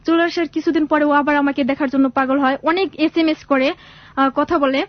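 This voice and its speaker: Young woman, radio caller, rambling personal story, dry close sound, fast talker. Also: high voice, steady tone, no echo. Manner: rambling, often restarts and fills with "mane". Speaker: caller sharing her life story. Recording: dull lo-fi radio audio.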